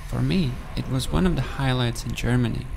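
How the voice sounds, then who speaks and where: A young man from Latvia, giving calm, matter-of-fact voice-over narration of his own journey. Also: mid-range voice, a little fast, vocal fry, noisy background. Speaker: cyclist recounting a race. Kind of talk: scripted narration.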